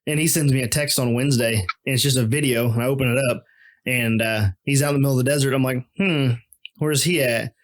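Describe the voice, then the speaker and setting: A man's voice: mid-range voice, steady tone, quick pace. A man chatting casually on a podcast in a laid-back, slangy way. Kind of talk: casual chat.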